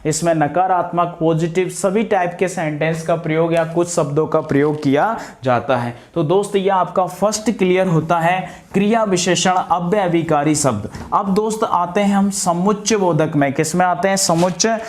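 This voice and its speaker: In a high voice, a man teaches a grammar lesson aimed at exam prep, posing questions and answering them himself. He stretches out key terms slowly and speaks to his viewers as though they were friends.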